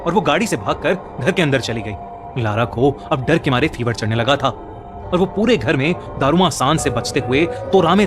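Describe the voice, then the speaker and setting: गहरी आवाज़ में हॉरर कहानी सुनाता आदमी, पीछे संगीत. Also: male voice, medium pitch. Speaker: horror storyteller. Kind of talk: scripted narration of a horror story. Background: music.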